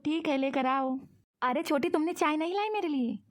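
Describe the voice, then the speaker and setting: Cartoon, woman playing older woman faking memory loss, high voice, complaining. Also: moderate pace, natural voice. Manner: complaining, whiny. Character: aging woman who fakes forgetfulness. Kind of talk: cartoon voice acting.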